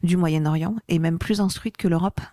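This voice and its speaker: Woman, lower register, impassioned guest, dead-dry studio mic. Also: steady tone, normal speed, mellow, dry recording. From France. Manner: passionate, grows heated and emphatic. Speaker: activist guest. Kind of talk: interview conversation.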